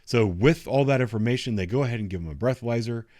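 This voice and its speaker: A man's voice: mid-range voice, quick pace, a little mellow, no echo, studio quality. A man giving unscripted, instructive commentary on video footage in a matter-of-fact way. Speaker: commentator reviewing police footage.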